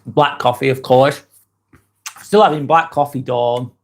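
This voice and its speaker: With fairly even intonation and a measured pace, a man's mid-range voice carries a Lancashire accent. He is a livestream vlogger from East Lancashire, England, reading viewer comments and chatting in a rambling way with lots of ums and restarts.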